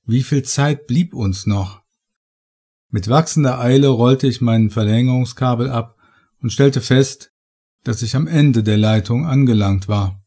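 A man reading a horror story aloud in measured, dramatic, scripted narration. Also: medium pitch, warm tone, breathy edge. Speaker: audiobook narrator.

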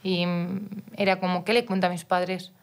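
A woman's voice: on the low side, flat delivery, moderate pace, creaky. A young woman from Mallorca, a guest on a podcast, telling a personal story in casual chat with frequent restarts and quoted dialogue. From Mallorca, Spain. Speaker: guest, professional footballer.

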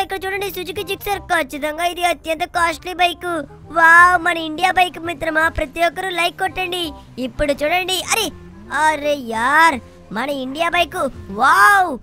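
A woman voicing a cheeky, mischievous little boy who shouts and brags while playing a video game. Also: very high voice. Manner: shouty, bragging, teasing. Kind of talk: GTA game play-along voicing.

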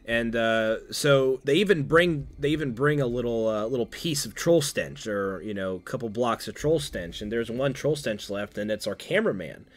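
A man's voice: medium pitch, animated, normal speed, few pauses. A young man chatting as a podcast guest, recapping a film in a rambling way with many restarts and frequent laughter. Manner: rambling, full of fillers and restarts, laughs often. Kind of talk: casual movie recap chat.

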